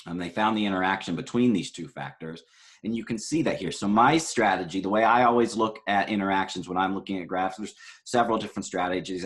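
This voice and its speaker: A man lecturing on psychology research, explaining graphs in a conversational way with frequent fillers and self-corrections. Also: low-pitched. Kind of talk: recorded lecture walking through graphs.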